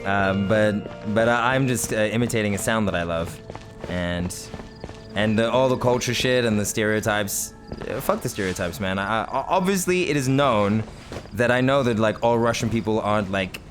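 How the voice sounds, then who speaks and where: Over game music, a man with a fairly low voice chats at normal speed while hosting a let's play. His casual commentary is rambling and full of laughs, and he keeps restarting and correcting himself.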